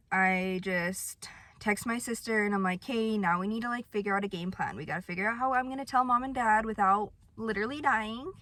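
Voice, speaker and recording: A woman's voice: mid-range voice, a bit bright, no room sound. A young woman chatting casually to her viewers, telling a personal story with lots of "like" and some self-mockery. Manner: chatty, sprinkled with "like", self-mocking. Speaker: vlogger.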